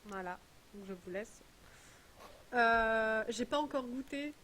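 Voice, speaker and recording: A woman's voice: a little high, slow, a bit bright. A woman vlogger chatting casually while unboxing a parcel, rambling and full of hesitations. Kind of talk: casual chat.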